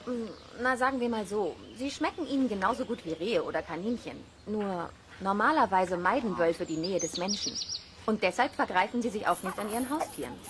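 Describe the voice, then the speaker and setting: In a children's radio play, a woman voices a friendly, knowledgeable wolf keeper, explaining things patiently with a lightly amused, instructive warmth. Her medium-pitched voice is brisk and lively in intonation, close to how she'd normally talk, with faint cassette noise behind it.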